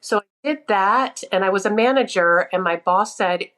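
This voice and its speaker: A woman's voice: medium pitch, moderate pace, a bit bright. A woman in her fifties, a podcast guest, telling her story in a candid, easygoing way. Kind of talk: casual interview chat.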